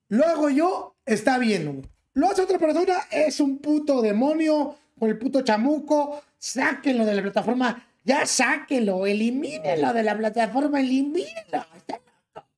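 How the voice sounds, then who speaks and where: Very high-pitched yet darkish in tone, this young man with a Mexican accent rants while reacting to clips on a stream. He's in a small bedroom wearing a gaming headset, and he piles slang onto everything he says.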